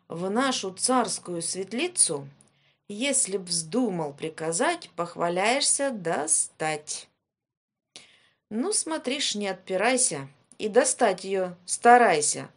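A woman's voice: medium pitch, big pitch swings, takes it slowly, gravelly, husky, heavily acted. A woman doing a bellowing angry old tsar. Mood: blustering. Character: angry bearded old tsar, threatening and pompous.

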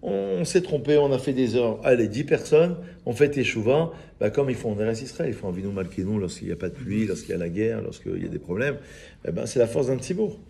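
A man, a rabbi giving an informal, lively Torah lesson and joking with his small group of listeners. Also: mid-range voice, fast, creaky. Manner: lively, teasing, chats with listeners. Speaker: rabbi teaching a class.

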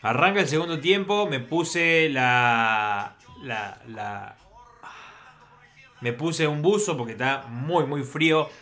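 A man giving live reactions to a football match, breaking into excited shouts at big plays. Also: medium pitch, takes it slowly.

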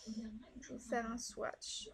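A woman's voice: fairly high pitch, little pitch movement, takes it slowly, vocal fry. Chatty young woman reviewing makeup. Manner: chatty, many fillers and "voilà". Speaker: beauty vlogger. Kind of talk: casual product review.

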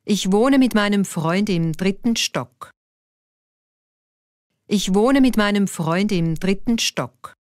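A woman with a mid-pitched voice reads lesson dialogue very slowly and deliberately. Each sentence comes out clean and separate. The recording is dry and close. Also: expressive, darkish tone, no echo. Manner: careful, clearly articulated, each line said twice. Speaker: dialogue reader for a language lesson. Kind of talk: slow scripted dialogue reading. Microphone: dry studio voice-over.

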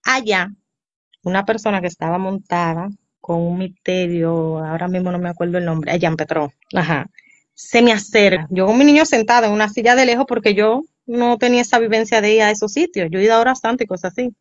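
A woman, telling her story as an interview guest, animated and acting out the voices she quotes. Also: medium pitch, a little fast, no echo. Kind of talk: storytelling in casual chat. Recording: dull, slightly muffled sound.

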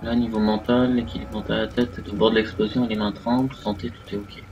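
A man's voice: fairly low pitch, little pitch movement, fast, far from the mic, highs cut off, noisy background. A man giving casual live commentary while playing a horror game, thinking aloud with many fillers. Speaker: gaming streamer. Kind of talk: live let's play commentary.

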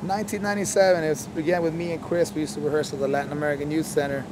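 A man's voice: fairly high pitch, little pitch movement, racing, loud music behind the voice. A man from El Salvador, a punk band member, chatting casually outdoors with frequent laughs. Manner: chatty, laughs often, uses fillers. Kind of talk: casual interview. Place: outdoor festival plaza.

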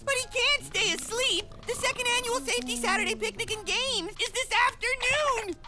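An actor voicing an anxious, excitable young male squirrel in a cartoon, fretful and earnest. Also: extremely high pitch, moderate pace. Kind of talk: cartoon voice acting. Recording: loud music behind.

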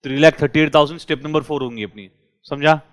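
A man teaching a class, lively and drilling his students with repeated questions. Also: on the high side, fast talker, clear, resonant tone, no room sound. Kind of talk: classroom lecture.

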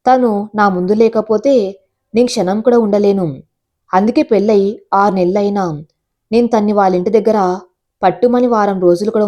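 A woman narrating a first-person audio story in a steady, measured way. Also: mid-range voice.

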